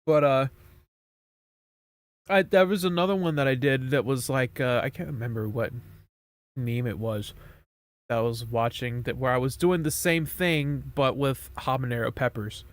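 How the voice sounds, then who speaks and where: A man's voice: mid-range voice, no echo. A man streaming, chatting casually and rambling as he reacts to videos, swearing a lot.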